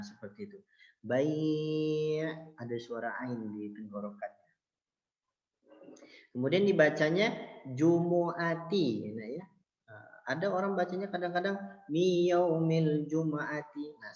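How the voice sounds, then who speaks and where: A man's voice: medium pitch, muffled recording. Patient male Quran teacher, roomy sound. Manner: patient, explains slowly, addresses listeners as children. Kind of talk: tajwid lesson with chanted recitation.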